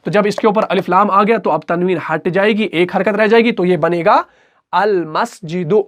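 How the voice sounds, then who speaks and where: High-voiced man teaching recitation rules. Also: fairly even intonation, brisk. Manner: patient, repetitive, asks and answers his own questions. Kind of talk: explanatory recitation lesson.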